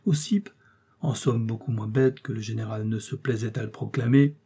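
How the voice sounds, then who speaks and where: A man narrating an audiobook in a measured, even reading voice. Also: on the low side, breathy edge.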